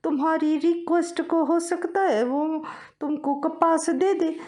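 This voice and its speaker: A woman voicing an easygoing village farmer man who talks in a slow, drawn-out way in a storybook. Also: very high voice, fairly even intonation, a little mellow, voice pushed up.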